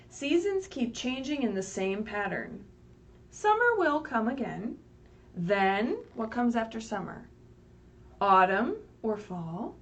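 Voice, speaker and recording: On a livestream with a distant mic and faint background noise, a woman whose voice is a little high reads a picture book to young children. Her delivery is sing-song and patient, with simple explanations, frequent questions to the listeners and check-ins of "right?".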